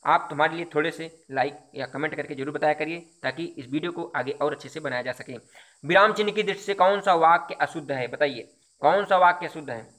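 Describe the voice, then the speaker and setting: Man, Hindi teacher, exam quiz lesson, bright forceful voice, repeats and asks rhetorical questions. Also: fairly high pitch.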